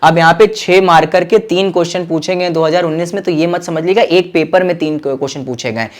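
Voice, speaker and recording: A young commerce teacher with a voice on the high side runs an online exam-prep lesson, coaching and reassuring students he calls "children." He mixes English terms into Hindi and stretches key phrases out slowly for emphasis.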